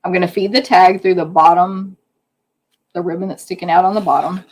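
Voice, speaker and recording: A woman with a hoarse voice, chatting casually as she demonstrates a card-making project step by step. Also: lowish voice, fairly even intonation, a little fast. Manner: chatty, hands-on explaining while working. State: losing her voice. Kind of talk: live craft demonstration.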